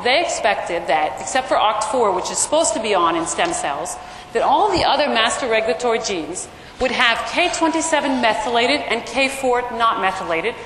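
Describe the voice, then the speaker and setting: With lively intonation and a loud, fairly high voice, a woman explains course material to her class at a moderate pace. She regularly asks "okay?" or "right?" as she goes. The recording is amplified and echoey, from a microphone in a big lecture hall, with faint noise.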